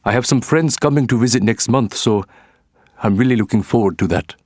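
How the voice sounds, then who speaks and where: An actor playing an engineer from Egypt who speaks calmly and plainly in a scripted textbook interview. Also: male voice, mid-range voice, fairly quick, no room sound, clean studio sound, natural voice.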